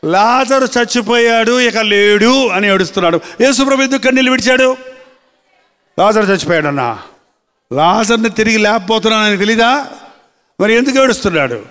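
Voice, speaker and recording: Man, high-pitched preacher, slow drawn-out emphasis, long hall reverb. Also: expressive, a bit bright, clear, resonant tone. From India. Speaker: pastor. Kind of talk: sermon.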